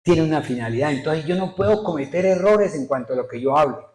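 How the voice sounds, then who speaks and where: Pastor guy preaching, kinda high voice, asks the crowd lots of questions, echoey church. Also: expressive, fast talker, a little mellow. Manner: emphatic preaching with rhetorical questions to the congregation. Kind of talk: sermon.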